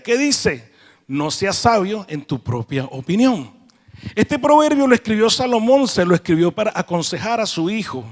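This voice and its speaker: Lively high-voiced male preacher. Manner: animated, playful, acts out sayings. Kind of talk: sermon. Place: church.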